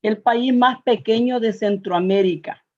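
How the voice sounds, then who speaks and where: Through a muffled recording, a fairly high-pitched older woman speaking with a Salvadoran Spanish accent gives her personal testimony to an audience. She is earnest but halting, pausing to search for words and repeating herself.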